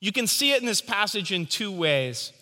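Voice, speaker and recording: High, bright-voiced preacher man in a hall. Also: big pitch swings, normal speed. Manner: emphatic, rising and falling for stress. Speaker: pastor. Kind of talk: sermon.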